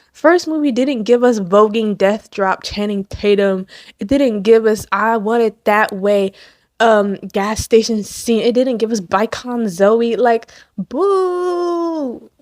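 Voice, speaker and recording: Gushing, excitable woman with a dry sound. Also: mid-range voice, a little slow, no room sound. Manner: gushing, excitable, slang-heavy, laughs often. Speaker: commentary host. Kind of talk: casual movie commentary.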